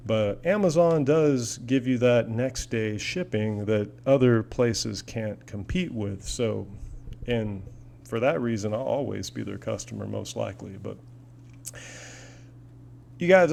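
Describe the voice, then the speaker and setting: A hobbyist video host, a man with a medium-pitched, creaky, slightly mellow voice, chats at a measured pace while casually demoing products. He rambles in an enthusiastic, folksy way, like someone showing off gear in his apartment. The home recording is noisy with an audible hum.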